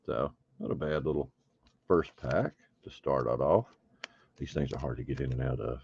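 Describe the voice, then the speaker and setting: A man with a very deep voice hosts a live trading card break, talking loosely as he sorts through packs. The sound is dry and close, with a slightly dull, lo-fi tone. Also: normal speed, vocal fry, a little mellow, husky, no echo. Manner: chatty, thinks aloud while opening card packs. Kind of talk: casual live stream chat.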